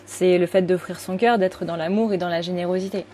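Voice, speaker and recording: A woman's voice: on the low side, fairly even intonation, brisk, dark tone, a little hiss or hum. A woman giving a casual, rambling tarot reading, full of fillers and self-corrections. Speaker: tarot card reader.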